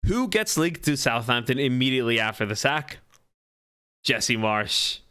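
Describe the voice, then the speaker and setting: A man of middling pitch talks casually as co-host of a football podcast, leaning on fillers and doubling back on his words. The recording is close and dry. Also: sing-song, a little slow, pushed and bright, clean tone, no room sound. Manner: conversational, fillers and repeats. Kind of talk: casual chat.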